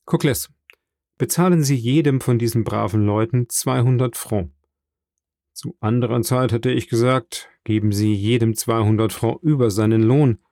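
A man voicing a grieving, kindly middle-aged shipowner in an audiobook, with an earnest, warm delivery. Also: medium pitch, moderate pace, no echo, studio quality, natural voice. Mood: sorrowful, kind.

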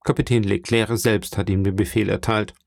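A man reading the part of a hearty middle-aged shipowner in an audiobook, lively and confiding. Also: lowish voice, moderate pace, vocal fry, dry recording, studio quality.

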